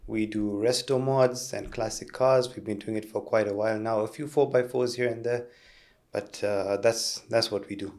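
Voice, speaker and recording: A man, a guest on a podcast, telling stories in a relaxed way and tagging his lines with "dude" and "huh?". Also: on the low side, moderate pace. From Kenya. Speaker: guest, car builder. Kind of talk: casual interview chat.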